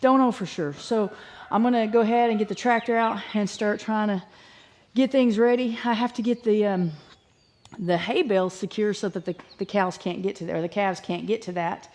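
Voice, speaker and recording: A homesteading vlogger chats casually and folksily outdoors on a farm, meandering as she thinks aloud. Her voice is medium-pitched and a little mellow, at a normal speed.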